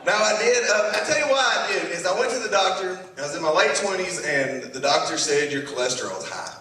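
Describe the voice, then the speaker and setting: A man performs folksy stand-up in a conversational, self-deprecating way. His voice sits a little high. The live recording is distant and very echoey, with clear noise around him. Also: fairly quick, pushed and bright. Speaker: stand-up comedian. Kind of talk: stand-up comedy before an audience. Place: live comedy show stage.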